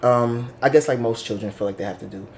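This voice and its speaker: Recorded indoors in an office, this oral history interviewee is a Long Island man in his thirties who talks openly and thoughtfully. His voice is medium-pitched with a darkish tone and some vocal fry, he talks fast, and a faint hiss or hum runs underneath.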